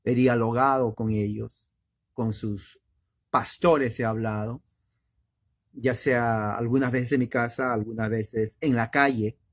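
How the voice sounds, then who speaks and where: A man preaching in a conversational way, emphatic and full of rhetorical questions, with sudden rises in pitch and loudness. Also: steady tone, slow pace. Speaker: preacher teaching doctrine. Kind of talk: conversational sermon.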